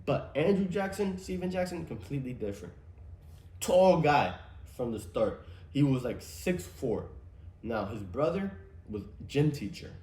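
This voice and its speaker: A man's voice: mid-range voice, a little mellow. A young man hosting a solo podcast, rambling casually with profanity and conspiratorial asides. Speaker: podcast host. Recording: roomy echo, faint ambience.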